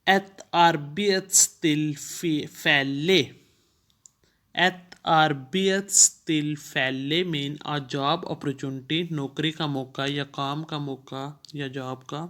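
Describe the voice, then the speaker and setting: Slow, patient male language teacher. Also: fairly high pitch, fairly even intonation, fairly bright tone. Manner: repeats each word slowly, then glosses it. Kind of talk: vocabulary lesson. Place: lives abroad, teaching newcomers.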